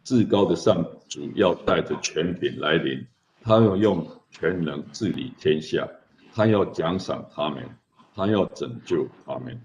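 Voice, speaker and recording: A man, serving as a church elder, reads scripture aloud in a measured, declamatory way. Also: extremely low pitch, expressive, darkish tone. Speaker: church elder leading worship. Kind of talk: scripture reading. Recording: dull lo-fi recording with faint noise.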